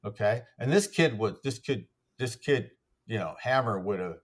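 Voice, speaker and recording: A man's voice: on the low side, animated, moderate pace, breathy edge. A man, an athletics coach, telling stories as a podcast guest in a rambling way, full of fillers and restarts. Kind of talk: casual conversational storytelling.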